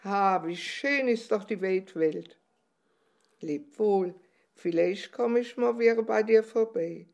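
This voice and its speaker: A woman's voice: medium pitch, slow pace, vocal fry, a little mellow. Field: woman reading as a cheerful storybook butterfly. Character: carefree little butterfly, cheerful, boastful wanderer.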